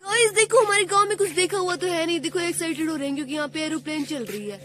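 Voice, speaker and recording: A woman's voice: extremely high pitch, very fast. A young woman from Rajasthan, India, chatting and teasing as she vlogs a village festival morning on her phone. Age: young adult. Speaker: vlogger. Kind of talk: casual vlog commentary. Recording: phone video with loud music and crowd.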